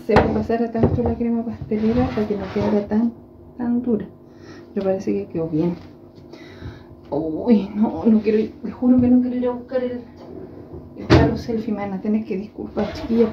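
A woman's voice: on the high side, fairly even intonation, fairly quick, muffled recording, noisy background. A Chilean woman chatting casually to her viewers in a home cooking vlog from her kitchen. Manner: chatty, addresses viewers directly and often. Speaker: vlogger.

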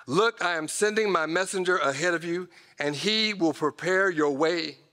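On the high side with a sharp tone and moderate pace, a middle-aged American man preaches as a pastor to his congregation. His delivery is emphatic and conversational, directed at the listeners and dotted with folksy asides. The recording, from a large indoor church auditorium stage, carries reverberant hall sound.

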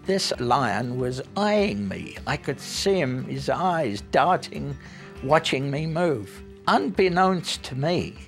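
A man telling a vivid, dramatic story in an interview. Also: medium pitch. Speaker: cinematographer telling an anecdote.

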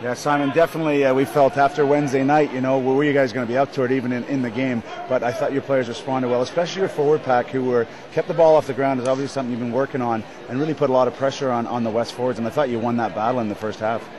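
A man hosting post-match interviews at an outdoor stadium, asking brisk, chatty questions. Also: medium pitch, steady tone. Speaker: host and interviewer. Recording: crowd noise behind.

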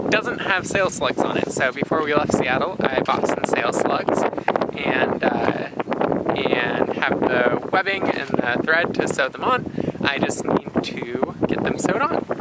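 Out on open water aboard a sailboat, a woman in her thirties with a deep voice talks casually to a handheld camera at arm's length. She explains things in a relaxed sailing-vlog style, using lots of fillers. Wind roars on the microphone, with wind and water behind her.

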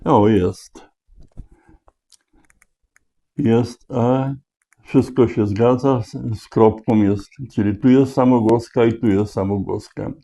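A man thinking aloud as he solves a crossword, slowly spelling out letters and checking each word. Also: medium pitch, fairly even intonation, warm tone. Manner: slow, deliberate, spelling out letters. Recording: dull lo-fi recording.

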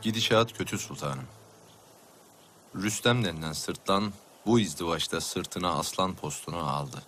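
A man's voice: deep voice, measured pace, a bit bright, a little hiss or hum. A middle-aged man acting as a grave, bitter Ottoman grand vizier, speaking with weight and wry edge. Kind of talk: period television drama acting.

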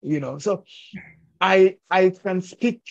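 Talking slowly with vocal fry in a high voice, an older filmmaker and actor discusses his film through conversational storytelling, emphatic and persuasive, his hands moving as he talks. He's at home indoors with a virtual backdrop, and the video call audio is muffled.

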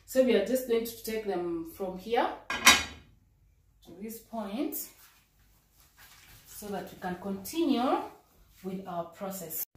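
A woman's voice: mid-range voice, expressive, slow, pauses often, reverberant, background noise. Young woman talking to her viewers. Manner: addresses viewers as "guys", mixes Swahili into English. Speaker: cooking vlog co-host. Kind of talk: casual cooking demonstration. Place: home kitchen, indoors.

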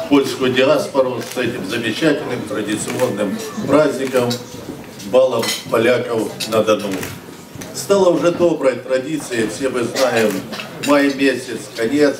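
An older man delivering a formal ceremonial speech as an official, with measured, oratorical phrasing. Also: medium pitch. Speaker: regional government official. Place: large indoor stage at a banquet. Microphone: far camera recording amplified speech. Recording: echoey hall from far off, crowd noise.

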